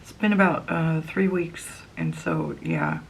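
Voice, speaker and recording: A woman's voice: deep voice, huge pitch swings, takes it slowly, a little hiss or hum, rough recording. A woman chatting casually through a makeup tutorial, chewing gum as she talks and often trailing off into a murmur. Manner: chewing gum while talking. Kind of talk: casual chat while applying makeup.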